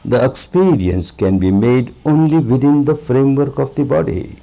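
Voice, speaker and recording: A man giving a spiritual discourse as a meditation teacher, speaking deliberately with emphatic repetition and pauses. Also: mid-range voice, creaky, mellow.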